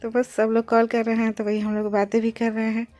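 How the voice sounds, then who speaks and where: A woman's voice: fairly high pitch, completely flat delivery, brisk, darkish tone. A young pregnant woman near her delivery narrating her day in a chatty vlog, explaining things as she goes and mixing in English words. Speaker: vlogger.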